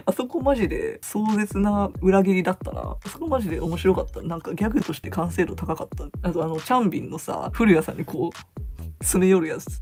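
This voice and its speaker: A woman vlogger who reads out short fan notes, comments on each one and gushes excitedly, laughing often. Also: mid-range voice. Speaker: vlogger reading fan reports. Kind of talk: casual fan chat.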